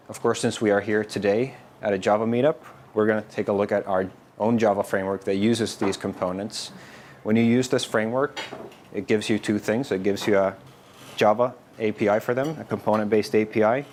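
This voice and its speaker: A man's voice: fairly low pitch, darkish tone, slight background noise. A man from Finland giving a casual developer presentation at a meetup, informal and loose, with frequent fillers and restarts. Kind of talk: conference tech presentation. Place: meetup room with a live audience.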